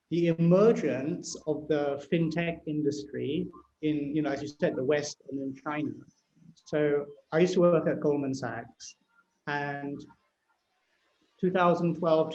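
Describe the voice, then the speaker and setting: A middle-aged man who grew up in the UK, hosting a fintech panel discussion and telling his story in an animated, conversational way. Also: on the high side, echoey room, highs cut off. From United Kingdom. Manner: animated, storytelling, frequent "you know" and "right?". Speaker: fintech CEO interviewing a guest.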